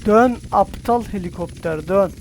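A man with a high voice commenting on his own gameplay in a loose, casual way. He swears loudly and shouts at the controls. Faint game sounds, gunfire and engines, run under his voice. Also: unhurried. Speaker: gameplay streamer. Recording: faint game noise behind.

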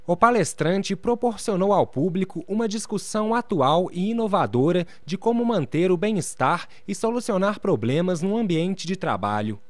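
A man's voice: high-pitched, expressive, normal speed, few pauses, darkish tone. A man reading a scripted local news voice-over. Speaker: news narrator.

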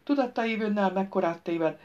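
A woman narrating a novel as an audiobook in a measured storytelling manner, shifting her voice for the characters' dialogue. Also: mid-range voice, a little mellow, lo-fi sound.

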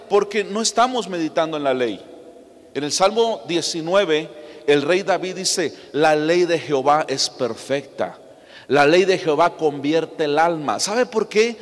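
A man preaching a sermon, firing rhetorical questions at his congregation. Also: high-pitched. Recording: long reverb of a church hall.

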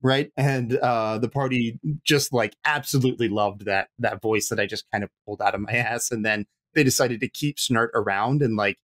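A man chatting casually as a panel guest, relaxed and quick to laugh. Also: medium pitch. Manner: relaxed, laughs often, many fillers. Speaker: panel guest, game master.

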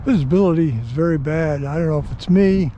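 Older man, slightly high and mellow voice, offhand self-deprecating commentary, dull outdoor recording with faint noise. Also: brisk. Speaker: RC hobby pilot. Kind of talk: casual commentary while flying. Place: outdoors on a windy day.

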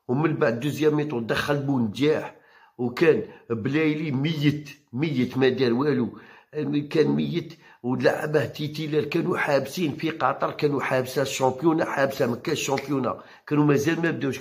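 A man with an Algerian Arabic accent who reads football news and then rants about it, combative and quick to argue back. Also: medium pitch. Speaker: football commentator. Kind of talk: heated football talk. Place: home channel recording.

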